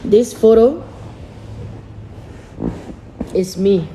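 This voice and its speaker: Woman, emotional vlog confession, slow unhurried delivery, mellow tone, faint room noise. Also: mid-range voice, lively intonation, poor audio. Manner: slow, repetitive storytelling with simple phrasing; emotional, soft-spoken confiding. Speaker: vlogger. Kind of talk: emotional personal vlog talk.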